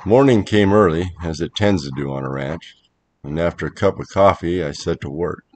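A man narrating a first-person horror story in a measured, dramatic way. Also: sits low, darkish tone.

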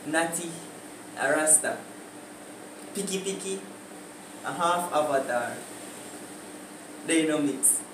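Young male, Jamaican accent, teasing and argumentative, unhurried, recorded in an echoey room from a distance. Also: fairly high pitch. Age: young adult. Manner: teasing, argumentative, repeats himself. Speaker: co-host of a translating challenge. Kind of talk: playful casual banter in Patois and English. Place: living room at home. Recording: roomy echo, distant mic, noisy.

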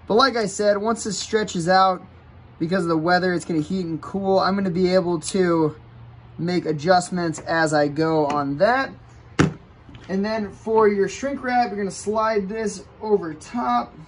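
Speaking at a measured pace in a high voice, this man in his thirties, host of a kayak fishing channel, walks through a relaxed hands-on tutorial out on a porch. A camera microphone several feet off records him as he works.

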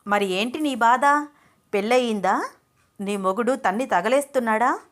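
A woman voicing a brash, short-tempered young man who talks loudly and bluntly in a told story. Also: a little high, moderate pace, close to an everyday voice. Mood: scolding. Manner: loud, scolding, blunt.

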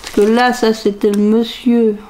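A middle-aged crafts vlogger chats casually to the camera in her indoor home craft room, musing aloud and half-singing repeated phrases while searching through her purchases. Her voice is fairly high, level, mellow and measured, with slight background noise.

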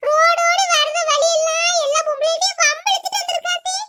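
A woman performing a village comedy skit in quick, bickering banter. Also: very high-pitched, steady tone, bright, forceful tone, a little hiss or hum.

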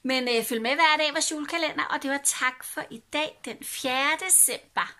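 A woman family vlogger reading a story aloud to children, expressive and pausing to comment on it. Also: high voice. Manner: warm and expressive, comments between passages.

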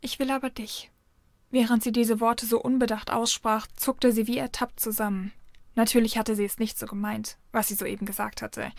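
Woman narrating a story, fairly high voice, measured, dry close recording. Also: vocal fry, a little mellow, no room sound. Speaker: fan fiction reader. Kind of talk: reading a story aloud.

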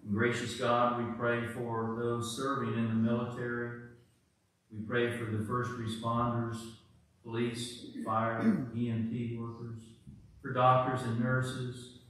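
Male officiant, slow solemn prayer, cathedral echo, mic well back. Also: mid-range voice, monotone, a bit bright. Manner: solemn, deliberate, pausing between phrases. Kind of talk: slow, measured liturgical prayer. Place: large church. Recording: echoey church, mic far off.

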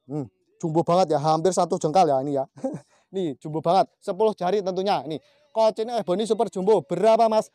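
A man gives an informal sales pitch to camera in repetitive hawker-style patter. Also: fairly even intonation, brisk, warm tone, no echo, clean studio sound. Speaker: plant seller hosting a sales video. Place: outdoors in a shade-net plant nursery. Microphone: clip-on wireless lapel mic.

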